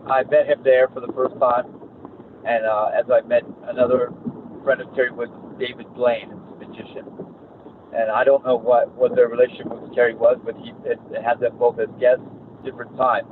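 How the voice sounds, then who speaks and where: Man rambling over a tinny line. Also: mid-range voice. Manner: rambling, profane, animated anecdotes. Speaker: actor guest. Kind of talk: casual storytelling. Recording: tinny phone-like line, noisy.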